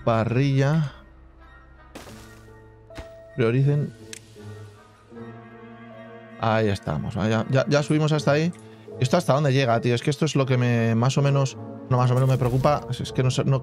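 A gaming channel host gives relaxed, chatty let's-play commentary while playing a building game, thinking aloud and filling pauses with hummed sound effects. His voice is at an ordinary middle pitch, with faint game music underneath.

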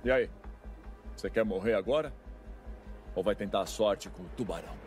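Actor doing threatening brazilian smuggler guy, lowish voice, impatient, dubbed movie, music behind. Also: moderate pace, lightly acted. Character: menacing, impatient armed male drug smuggler. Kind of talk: dubbed film thriller acting.

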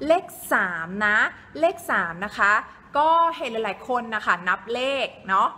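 A woman English teacher giving a patient live-streamed pronunciation lesson, repeating words slowly for learners. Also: fairly high pitch, animated, sharp tone. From Thailand.

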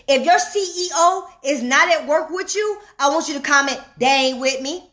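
Sitting high with a pushed, bright quality, a woman's voice drives a fired-up direct-to-camera money rant. She's preachy and emphatic, restating lines slowly and calling "hello?" out to the audience.

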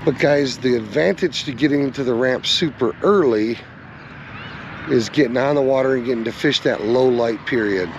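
A man's voice: mid-range voice, normal speed, lo-fi sound, a little hiss or hum. A man hosting an outdoor fishing report, giving tips in a folksy, instructive way and calling his viewers "guys.". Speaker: fishing channel host. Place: outdoors on or by the river.

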